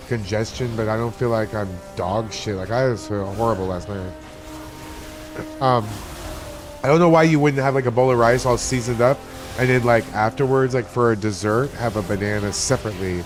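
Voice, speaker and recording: At normal speed and medium pitch, a man from Miami, USA, profanely chats through a live game stream, rambling from one subject to another as game music plays.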